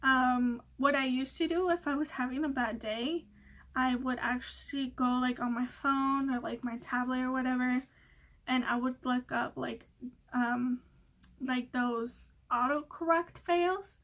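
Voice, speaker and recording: A young woman with a high voice talks casually to her viewers in a relaxed Q&A. She rambles and restarts her sentences, fills pauses with fillers, and laughs easily. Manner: giggly, laughs often. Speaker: beauty vlogger. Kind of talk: casual Q&A chat.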